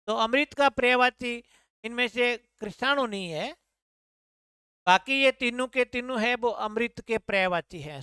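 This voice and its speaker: A woman tutor goes through exam answers one by one, asking a question and then answering it herself. Her voice sits a little high and comes across smooth and clear. The recording is dry and close, with no room sound. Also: sharp tone, no echo. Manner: explanatory, repeats answers as questions. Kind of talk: explaining exam answer key.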